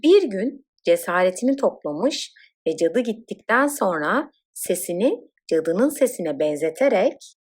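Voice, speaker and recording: This is a woman's mid-range voice, paced a little slowly, as she performs a scripted children's fairy tale in a vivid, theatrical storytelling way.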